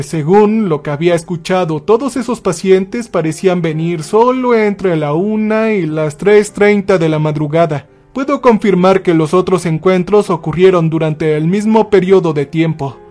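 A man with a high voice narrates a scripted horror story over faint music. He slows down for dramatic pauses. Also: darkish tone.

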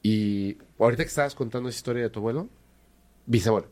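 A man with a Mexican accent telling a story in casual conversation, animated and hesitant, repeating words for emphasis. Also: medium pitch, quick pace.

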